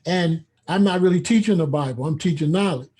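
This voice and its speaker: A man's voice: on the high side, a little fast, darkish tone. A man speaking as the guest on a call-in talk show, in blunt street slang and with emphatic, preachy conviction.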